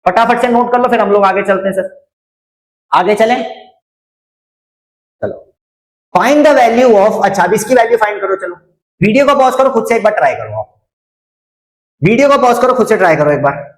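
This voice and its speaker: A man's voice: sits high, animated, moderate pace, pauses often, roomy sound, low-quality recording. A man teaching a maths lesson online, asking the same questions again and again and teasing students who get it wrong. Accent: Hindi. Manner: drills students with repeated questions, scolds jokingly.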